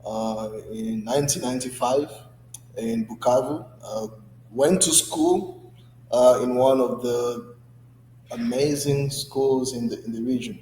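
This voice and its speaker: A man in his twenties from the Democratic Republic of Congo, a guest in an interview, telling his story in a relaxed way with many fillers. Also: mid-range voice, a little slow, echoey room, in a large hall, slight background noise, low-quality recording. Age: 20s. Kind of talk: conversational interview.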